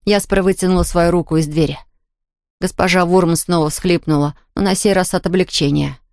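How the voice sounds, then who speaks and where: A woman narrating a children's audiobook in a lively, expressive reading style. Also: fairly low pitch, moderate pace, no echo, studio quality. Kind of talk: scripted storytelling narration.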